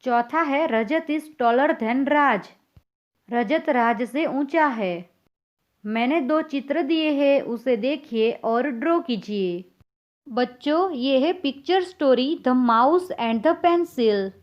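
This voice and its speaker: A woman teaches a textbook lesson at an unhurried, deliberate pace. She reads each English line with care before explaining it in Hindi. The recording is slightly dull and lo-fi. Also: high voice, expressive.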